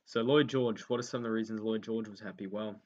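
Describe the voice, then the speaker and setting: Young male tutor, low voice, off-the-cuff revision lesson, hesitant and repetitive as he writes notes, dull lo-fi sound. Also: steady tone, a little fast. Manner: thinks aloud with many ums, repeats key points as he writes them down. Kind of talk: unscripted revision lesson while writing notes.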